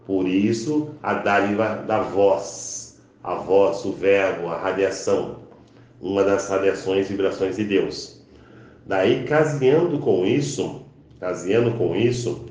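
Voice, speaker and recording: A man leads a spiritual class, slowly intoning prayers and repeated chants. His voice sits on the low side and rings through a very echoey room. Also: darkish tone. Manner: slow, intoning, drawn-out chanting delivery. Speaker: spiritual teacher.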